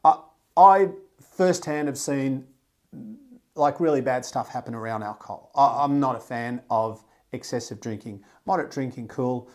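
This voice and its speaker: A man hosting a podcast curses freely and speaks bluntly with emphasis, keeping things animated despite frequent restarts and fillers. His voice is medium-pitched at a normal speed, in a casual conversational setting.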